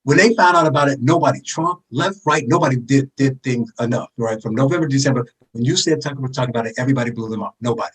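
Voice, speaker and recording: A man talking as a podcast guest in animated political commentary, sarcastic and fond of mocking impressions. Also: medium pitch, fast talker, hardly any pauses, slightly rough, recorded from a distance, low-quality recording. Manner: sarcastic, jumps into mocking voices for emphasis.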